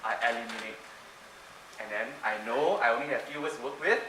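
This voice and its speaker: A man's voice: mid-range voice, fairly quick, bright, forceful tone. A man giving a playful, interactive conference talk, coaxing the audience and repeating his phrases. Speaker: conference speaker doing a mind-reading trick. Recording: roomy hall, distant mic, background noise. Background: audience laughter and room ambience.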